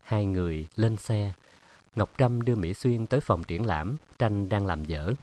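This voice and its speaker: A male narrator reading a novel aloud. His voice sits on the low side, and he keeps the telling steady and even. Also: a little slow. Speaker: audiobook narrator. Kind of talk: scripted narration.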